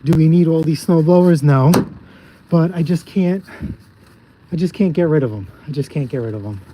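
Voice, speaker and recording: Diesel mechanic rambling thru their machine collection on a phone vid, middle pitch, cracks jokes, says stuff twice. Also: normal speed, noisy background. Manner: rambling, joking, repeats phrases. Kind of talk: casual vlog walk-through.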